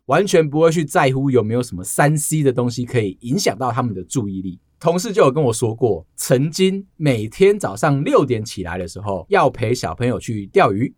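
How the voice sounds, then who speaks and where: A man co-hosts a podcast, telling stories in an animated, casual way. His pitch moves a lot. The recording is dry and close. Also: brisk, hardly any pauses, no room sound. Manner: storytelling, animated. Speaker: podcast co-host. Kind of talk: casual chat.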